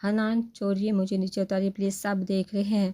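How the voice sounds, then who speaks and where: A woman's voice: mid-range voice, little pitch movement, mellow, close to an everyday voice. A woman voicing a shy, polite young wife in a storybook reading.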